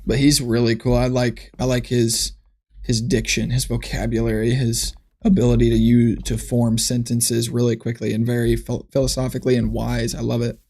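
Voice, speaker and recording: A man's voice: mid-range voice, flat delivery, normal speed, vocal fry, a little mellow. A man streaming from his computer, thinking aloud in a loose, rambling way with frequent restarts as he chats to viewers. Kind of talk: casual livestream chat.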